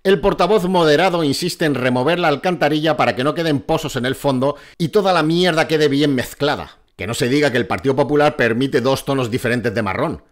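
A man's voice: a little high, brisk, few pauses. A middle-aged man commenting on a political clip in a sarcastic, mocking way, swearing freely.

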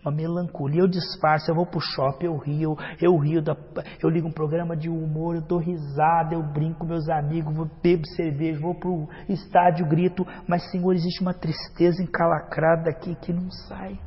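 Preaching pastor in an echoing hall. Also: male voice, on the high side, flat delivery, moderate pace, slightly rough. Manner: preaching with wide swings from loud outbursts to hushed prayer. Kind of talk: sermon. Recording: dull lo-fi sound with long hall reverb.

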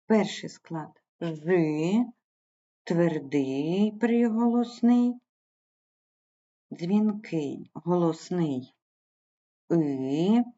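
A woman teaches a primary school language lesson online, slowly and patiently breaking words into sounds and syllables. She speaks very slowly with long pauses, in a fairly low, dark, animated voice, captured on a muffled recording.

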